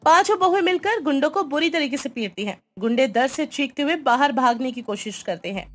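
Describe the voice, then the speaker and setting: High-voiced woman narrating a storybook. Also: a little fast, faint music behind. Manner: steady, descriptive.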